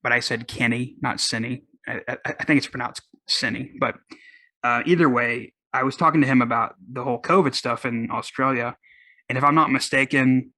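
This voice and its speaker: Man, Southern US accent, solo podcast host, rambling chat, bright voice, dry close mic. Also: medium pitch, dry recording. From Oklahoma. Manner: rambling, many restarts and fillers. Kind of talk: casual solo podcast talk.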